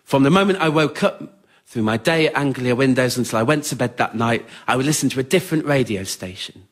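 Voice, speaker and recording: A man stands on a theatre stage narrating his own life story in a solo show he wrote and performs. His medium-pitched voice is expressive and brisk, and his tone stays understated, wry and plain-spoken for the audience.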